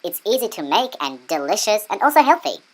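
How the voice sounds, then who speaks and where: A woman's voice: medium pitch, sing-song, fairly quick, rough recording. A woman presents a casual cooking tutorial in a playful, sassy manner with teasing asides. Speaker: home cooking vlogger.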